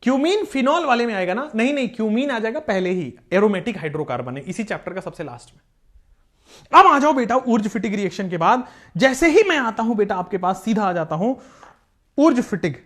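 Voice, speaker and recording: Chemistry sir teaching live online, voice jumps all over, keeps joking with the kids. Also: male voice, high-pitched, fairly quick. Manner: animated, joking, talks to students as "beta". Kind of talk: live online class lecture.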